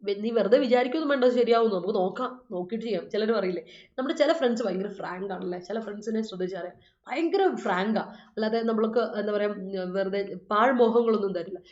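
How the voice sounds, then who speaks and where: A woman's voice: mid-range voice, fast talker, darkish tone. A woman teaching an online English vocabulary lesson, patiently explaining words and reading out and correcting students' sentences. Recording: roomy, slightly dull audio.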